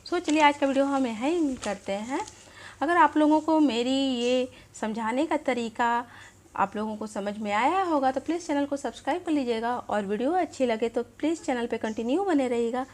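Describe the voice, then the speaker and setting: A woman teaching a grammar lesson, repeating example words slowly as she explains. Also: high-pitched, animated, a little mellow.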